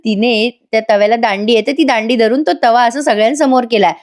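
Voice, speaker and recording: A woman's voice: fairly high pitch, fast talker, a little mellow. A woman narrating a voice-over recap of a TV serial, chatty and speaking straight to viewers. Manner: chatty, addresses viewers directly.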